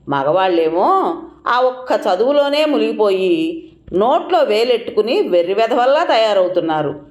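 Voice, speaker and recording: A bossy, scheming middle-aged sister-in-law, put on by a woman reading a storybook tale, her voice lifting high as she coaxes and scolds. Her tone swings up and down with sly reproach. The recording has a roomy echo. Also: a little mellow.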